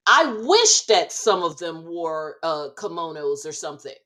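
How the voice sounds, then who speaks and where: A woman co-hosting a podcast, recapping reality TV in unhurried, measured casual chat with frequent fillers. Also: low-pitched, sing-song, pushed and bright. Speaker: podcast co-host.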